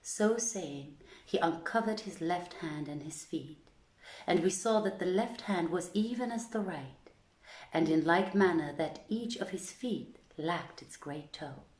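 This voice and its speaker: A woman storyteller reads slowly in a lowish, expressive, slightly mellow voice. It's dramatic scripted storytelling in archaic literary style, recorded in a roomy space with a noticeable echo.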